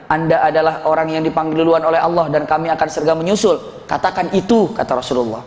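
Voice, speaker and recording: Animated ustadz preaching in echoey hall. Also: male voice, a little high, fast. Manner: animated storytelling, acts out voices in quotes. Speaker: ustadz giving a religious study talk. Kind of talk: sermon. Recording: echoey hall with long reverb.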